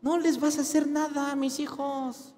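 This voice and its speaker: A man voicing a frightened female donkey in a sermon, crying out against her rider in a high shout. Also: flat delivery, normal speed. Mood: pleading. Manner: shouting, high-pitched cries. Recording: long hall reverb.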